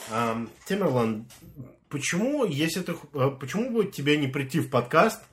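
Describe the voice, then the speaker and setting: A man who immigrated to Canada co-hosts a podcast, chatting casually with many hesitations and restarts. His voice is on the high side, very animated, brisk and a bit bright. There's a little hiss or hum on the recording.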